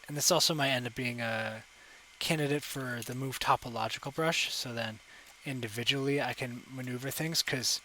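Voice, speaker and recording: A young man with a bright, forward voice talks casually through a live sculpting stream, narrating each step as he works. He rambles and corrects himself with plenty of ums, speaking into a desk mic with a faint hum of room ambience behind him. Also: mid-range voice, normal speed, few pauses, rough recording. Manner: rambling, thinking aloud with many fillers and self-corrections. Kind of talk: casual live tutorial commentary. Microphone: desk microphone.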